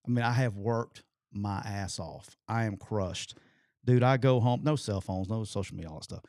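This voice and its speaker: A man, telling a long, animated and profane story as a podcast co-host. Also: fairly low pitch, moderate pace, no echo, studio quality. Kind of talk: casual storytelling chat.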